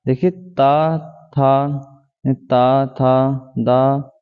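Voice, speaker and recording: A man teaching a grammar lesson, who keeps asking rhetorical questions and answers them himself, repeating key words and slowing down to read examples. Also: medium pitch, fairly even intonation, clear, resonant tone. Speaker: exam coaching teacher. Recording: tinny phone-like sound with long reverb.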